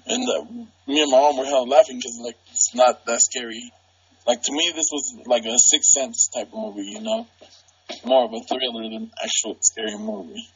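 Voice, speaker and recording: A man's voice: medium pitch, animated, normal speed, gravelly, slightly rough. A man telling a story casually and with energy, using slang, while calling in from his parents' house. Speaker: cousin reviewing movies. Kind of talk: casual chat. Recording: muffled choppy speakerphone call.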